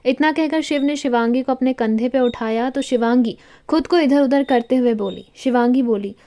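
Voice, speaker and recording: A woman's voice: sits high, normal speed, mellow. A woman narrating a romantic story in a scripted, dramatic storytelling manner.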